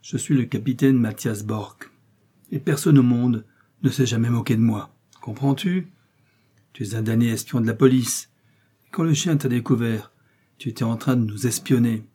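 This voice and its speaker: A burly, brutal captain snarls his threats in a warm, husky voice, as a male reader puts him on. He sneers at his captive with cold menace, a figure straight out of a storybook adventure. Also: mid-range voice, moderate pace, natural voice. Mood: menacing.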